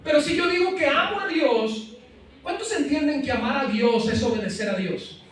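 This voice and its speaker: A man's voice: very high voice, lively intonation, normal speed, a bit bright. A male pastor preaching a sermon in a church, often asking the congregation questions and dropping playful asides. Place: church sanctuary. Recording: very echoey church hall, mic at a distance.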